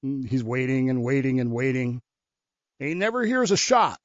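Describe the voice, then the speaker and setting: A man's voice: mid-range voice, very animated, moderate pace, no echo. Male radio guest who explains history and tells stories. Muffled, dry studio audio. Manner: storytelling, explanatory. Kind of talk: talk radio history segment.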